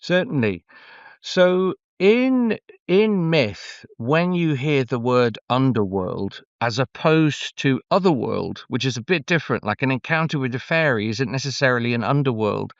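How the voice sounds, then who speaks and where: A man's voice: mid-range voice, expressive, a little slow, dry recording, muffled recording. A man talking conversationally as an oral storyteller, stretching words for emphasis and shifting gear as he goes. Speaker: oral storyteller, interview guest.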